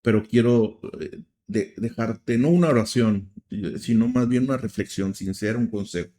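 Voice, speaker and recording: A middle-aged Mexican man hosting a program of earnest religious commentary, often restarting his sentences and filling pauses. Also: lowish voice, mellow. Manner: earnest, with frequent restarts and fillers. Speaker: program host.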